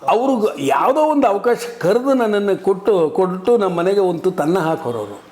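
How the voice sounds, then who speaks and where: A man's voice: sits high, very animated, normal speed, a little mellow. A man in his sixties, an interview guest and comic actor, telling his story in an earnest, reflective way. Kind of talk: casual interview talk.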